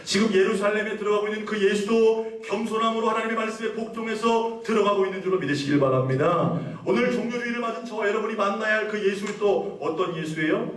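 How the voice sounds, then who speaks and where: A male pastor with a voice that sits high preaches in a church sanctuary, asking the congregation questions and leading them in call-and-response. He reads scripture slowly and with emphasis. The church hall is echoey, and his voice sounds distant.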